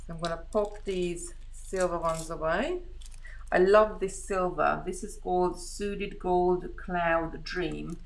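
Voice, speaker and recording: Speaking slowly in a low, steady, creaky voice, a middle-aged woman from Hungary chats on a live craft stream, rambling and thinking aloud as her hands stay busy. The recording is rough.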